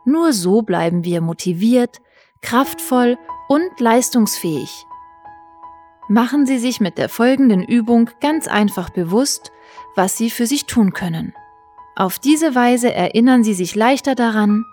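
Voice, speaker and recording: A woman narrating a scripted guided meditation in a soothing, measured manner. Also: on the high side, animated, mellow. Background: music.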